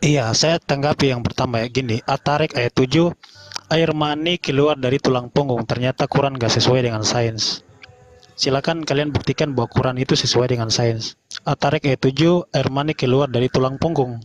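A man in a heated online debate, lecturing combatively and spelling out words slowly to make his point. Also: medium pitch, dry recording.

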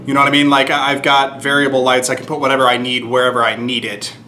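A man in his thirties renovating his shop chats upbeat through a casual how-to vlog, describing each step. His mid-range voice is fast and sharp, with a flat delivery. The on-camera mic, held at arm's length or set on a stand in the low-ceilinged indoor workroom, picks up roomy echo and a bit of hiss or hum.

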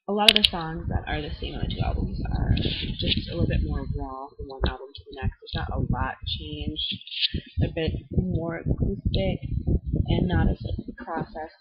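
A young adult with a Minnesotan accent chats eagerly and loosely, trailing off into "um"s and "like"s. The voice sits at a middle pitch. It is recorded on a laptop's built-in webcam, so the sound is dull and lo-fi. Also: heavy background noise. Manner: enthusiastic, rambling, many "um"s and "like"s. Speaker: vlogger reviewing music albums. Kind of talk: casual rambling chat.

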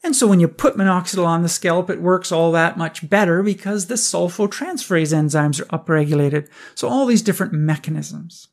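Man briskly explaining hair loss research. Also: on the high side, vocal fry. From Canada. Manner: brisk explanatory, rhetorical questions. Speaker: podcast host. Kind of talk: scripted research review.

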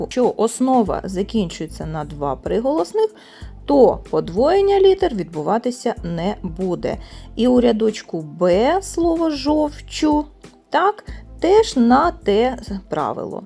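A woman teacher going through exam tasks step by step, saying the example words slowly and clearly. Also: a little high, warm tone. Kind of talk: exam prep lesson.

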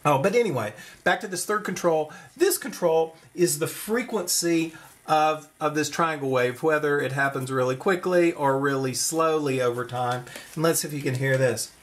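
A man presents an informal electronics tutorial at an indoor desk, working with the hardware while he explains and muses aloud. He speaks at a normal pace in a voice on the higher side.

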